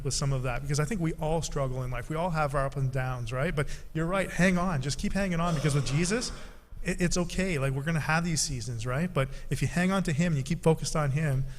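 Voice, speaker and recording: Man, church interview host, encouraging, repeats himself, long reverb. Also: a little high. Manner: encouraging, repeats words, fills with "right?".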